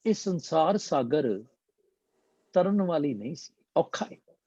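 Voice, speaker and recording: A man teaching and explaining scripture in a slow, deliberate manner, slipping English phrases into his talk. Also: a little high, very animated, dark tone, breathy edge, no echo, dull audio. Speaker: Gurbani teacher.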